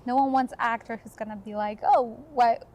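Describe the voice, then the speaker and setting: A woman hosting an interview, asking brisk rapid-fire questions in an upbeat way and laughing readily. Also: on the high side, steady tone, rough recording. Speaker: interview host.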